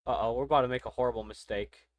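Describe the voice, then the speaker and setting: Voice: mid-range voice, fairly even intonation, very fast, no echo. A young adult gaming streamer chatting casually and muttering reactions over gameplay.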